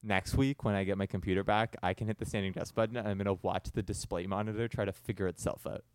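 A man's voice: lowish voice, steady tone, quick pace, darkish tone, smooth, dry recording. Rambling, joking man on a podcast. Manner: rambling, self-deprecating, jokey. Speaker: podcast co-host. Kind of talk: casual chat.

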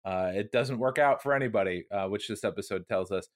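A man co-hosting a podcast, reading listener emails aloud with joking deadpan asides in casual chat. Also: on the low side, fairly quick. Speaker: podcast co-host.

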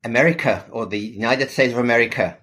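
A man's voice: medium pitch, fast talker, a bit bright, slightly rough. A man in his fifties from South Africa with a South African accent, answering interview questions modestly, with occasional hesitations. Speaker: podcast guest.

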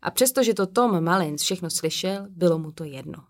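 A woman narrating an audiobook in a calm, measured reading. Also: on the low side. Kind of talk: scripted narration.

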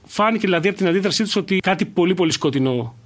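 A man's voice: sits high, lively intonation, fairly bright tone. A young man, a stand-up comedian, chatting casually in an interview and thinking aloud with many fillers and restarts.

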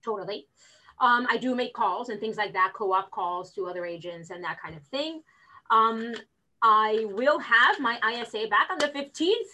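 In a low-quality recording, a woman with a fairly high pitch speaks at a moderate pace. She's an energetic real estate recruiter guesting in a casual chat, animatedly reenacting the conversations she recounts.

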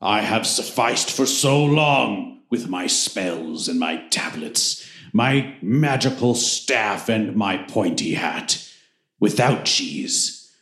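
A man voicing an old, stern and greedy hermit mouse wizard, speaking slowly and solemnly in a booming voice that resounds through the halls. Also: fairly bright tone, heavily acted. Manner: slow, solemn and commanding. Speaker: game master voicing a character. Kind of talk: tabletop role-play acting. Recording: roomy echo.

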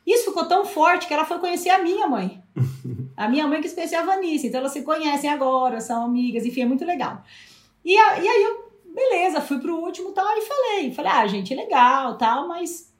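A Brazilian woman speaking as a guest, telling a story in a lively way and acting out past conversations. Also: extremely high pitch, fast. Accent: Brazilian Portuguese. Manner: animated, acts out past dialogues. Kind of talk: casual storytelling interview. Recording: roomy echo.

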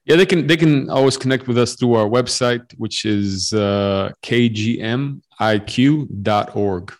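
A Romanian-born man in his forties, a guest missionary, shares his faith testimony on a podcast interview over a remote internet call. His medium-pitched voice runs a little slow, earnest but full of fillers and restarts.

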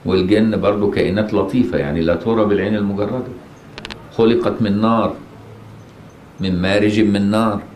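A man's voice: fairly low pitch, fairly even intonation, fairly quick, pauses often, a little mellow. A man with an Egyptian accent giving a colloquial religious lesson in a mosque, often asking rhetorical questions and checking that listeners follow. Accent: Egyptian Arabic. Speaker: religious teacher. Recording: echoey mosque, faint noise.

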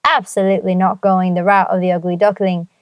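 A woman's voice: fairly low pitch, little pitch movement, fairly quick, clear, resonant tone, dry recording. A woman hosting her own podcast, talking in a playful, theatrical way with jokey asides. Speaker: podcast host. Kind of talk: chatty solo podcast monologue.

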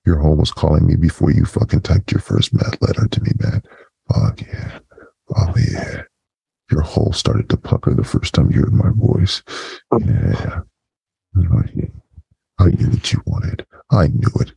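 A man speaking through a voice effect that pitches him very deep, in a slow, murmured, commanding intimate monologue. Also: expressive, vocal fry, mellow, husky. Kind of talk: intimate erotic hypnosis monologue. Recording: dull lo-fi dry recording.

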